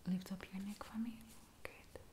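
In this ASMR personal attention roleplay, a Jamaican-accented woman in her thirties plays a rude, impatient barber, soft-spoken and often whispering in a bossy, curt, scolding way. Her medium-pitched voice is steady, moderately paced, and close to everyday speech. She leans toward the camera on a close binaural mic in a small room, with slight background noise.

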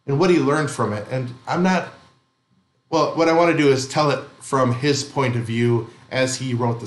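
Gentle humor and questions for the congregation mark this male pastor's conversational sermon in a church sanctuary. His voice is medium in pitch and the sound is reverberant.

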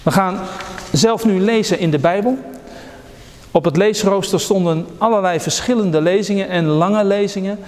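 A pastor reading a children's story and scripture aloud in a church service, calm and steady. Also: male voice, sits high, moderate pace, in a large hall. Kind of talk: sermon with Bible reading.

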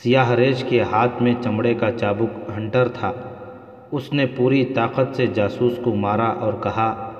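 A man narrating a historical novel aloud in a steady storytelling manner, in a dull, roomy recording. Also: mid-range voice.

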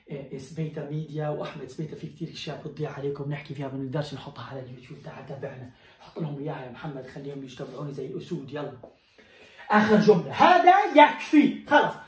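A man teaching an English lesson in a classroom, quizzing his students in a lively way. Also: a little high. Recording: roomy, distant mic.

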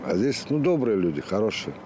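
A man in his fifties talks in an easygoing, halting way outdoors at a trolleybus depot, smiling as he searches for words. His voice is fairly low. Faint street noise sits behind him. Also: sing-song, dark tone. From Ufa, Russia. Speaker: trolleybus driver. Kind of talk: street interview.

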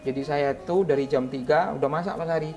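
A man's voice: a little high, fairly even intonation, a little fast, faint music behind. A man who is an Islamic preacher, telling a heartfelt personal story in a podcast interview and often speaking straight to the host. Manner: earnest and heartfelt, drops to hushed asides, often addresses the host directly. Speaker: Islamic preacher and Quran school founder.

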